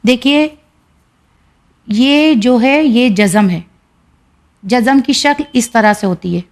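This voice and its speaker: A woman teacher with an Indian Urdu accent, patiently explaining a reading lesson and sounding out syllables slowly and clearly. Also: on the high side.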